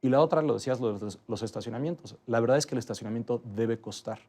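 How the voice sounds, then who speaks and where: A man, a guest in an interview, explaining transport policy in a steady, methodical way. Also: mid-range voice, quick pace. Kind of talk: interview answers.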